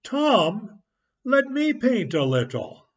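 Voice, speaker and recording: A man reading a story aloud and voicing a teasing young boy in a raised, slow voice, on a muffled recording. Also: fairly high pitch, lively intonation, husky, heavily acted. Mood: eager. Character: boy named Ben, teasing and cheeky.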